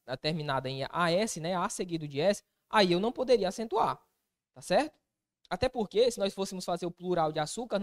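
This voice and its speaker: A man teaching an exam-prep grammar lesson, asking himself questions as a student and answering them in casual slang. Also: high-pitched.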